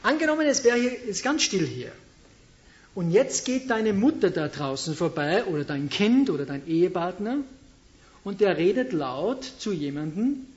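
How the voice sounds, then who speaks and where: A woman's voice: on the low side, a little mellow, lo-fi sound. A woman preaching a sermon, questioning her audience and stressing her points emphatically.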